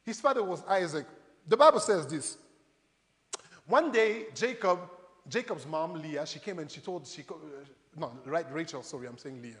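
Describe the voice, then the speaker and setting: A preacher with a notably high, slightly bright voice speaks at a normal pace, animatedly retelling and acting out scripture stories. He talks to the congregation directly and conversationally, asking rhetorical questions, his voice echoing with the long reverb of a large hall.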